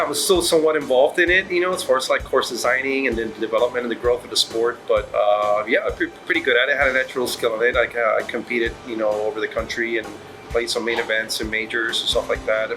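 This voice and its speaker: A man's voice: medium pitch, poor audio. A middle-aged man from Puerto Rico, a restaurant managing partner, answering interview questions in a rambling way with many fillers and restarts. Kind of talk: casual interview. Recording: music playing underneath.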